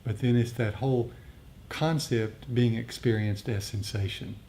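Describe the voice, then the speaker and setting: At a group meditation gathering, a meditation teacher with a soft, mellow voice and fairly even intonation gives a reflective dharma talk. He answers the group haltingly, pausing to find his words, with a low rumbling noise behind him.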